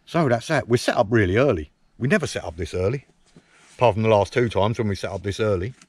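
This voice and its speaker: A cheeky English camping vlogger in the woods talks fast to a tripod camera mounted close by, his lowish voice expressive with a breathy edge and no echo. His casual outdoor chat is teasing banter mixed with dry self-mockery at a woodland camp.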